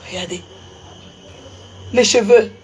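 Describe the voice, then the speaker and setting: An excitable woman chats through a vlog, repeating her exclamations of delight. She speaks at an unhurried, drawn-out pace. A faint hum of room noise sits behind her. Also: mid-range voice. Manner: effusive, repetitive, laughing exclamations. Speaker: social media personality.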